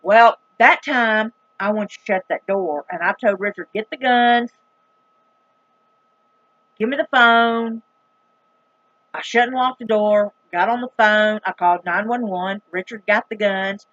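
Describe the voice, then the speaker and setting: A middle-aged vlogger from the rural United States tells her viewers a story in a Southern accent, casual, dramatic, emphatic and plain-spoken in a folksy way. Her voice is medium-pitched, a little slow and a bit bright. The recording has no room sound and a lo-fi quality.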